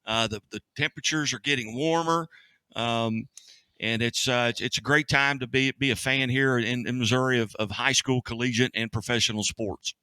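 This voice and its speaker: An eager man co-hosting a sports chat, his bright, forceful voice dry and close. He rambles enthusiastically, restarting his phrases as he goes. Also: medium pitch, steady tone, normal speed, smooth, no echo, low-quality recording. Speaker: co-host. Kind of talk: casual sports talk. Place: cafe studio.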